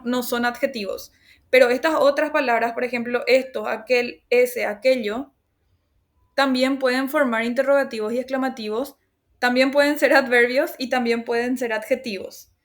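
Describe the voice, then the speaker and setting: A woman teacher giving a class lecture, explaining patiently, often checking in with her students and reassuring them with a laugh. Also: fairly high pitch. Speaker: language teacher.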